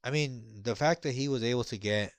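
A man in casual conversation, telling stories in a relaxed, rambling way with lots of fillers. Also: medium pitch, a little fast, no echo. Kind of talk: casual chat.

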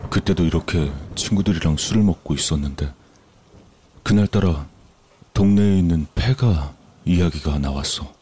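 A young man telling a spooky story in a radio drama, hushed and suspenseful, often dropping to a breathy half-whisper. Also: deep voice, moderate pace, slight background noise.

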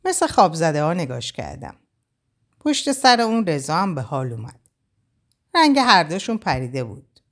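A woman reading a first-person novel aloud with expressive, emotional storytelling. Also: deep voice, long pauses. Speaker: audiobook narrator.

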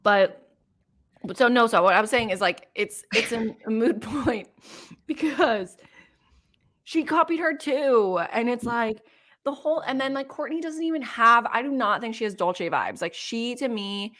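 A woman's voice: fairly high pitch, lively intonation, measured pace, fairly bright tone. A chatty woman hosts a podcast, talking loosely with a friend. She rambles, giggles often and leans on filler words. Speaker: podcast host. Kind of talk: casual chat.

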